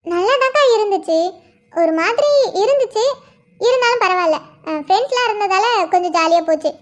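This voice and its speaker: A woman's voice: very high voice, animated, a little fast. A woman voicing a cheerful young college girl in a cartoon, chirpy in manner.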